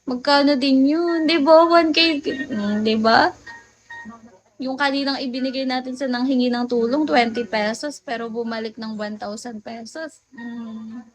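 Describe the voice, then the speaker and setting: A woman's voice: sits high, steady tone, measured pace, soft background music. A woman from the Philippines chatting casually with viewers on a late-night phone livestream, telling stories and laughing often.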